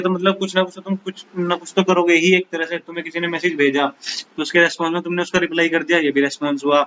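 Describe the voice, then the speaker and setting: A man teaching an exam-prep lesson in casual Hindi mixed with English, reading English definitions slowly and calling viewers bhai and guys. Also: fairly high pitch, fairly bright tone, lo-fi sound, a little hiss or hum.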